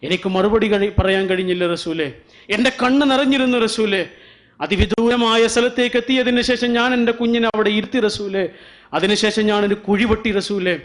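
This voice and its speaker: Guy speaking as a heartbroken old-time chief confessing, pleading, keeps repeating his plea, high voice. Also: a little fast, close to an everyday voice. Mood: grieving confession.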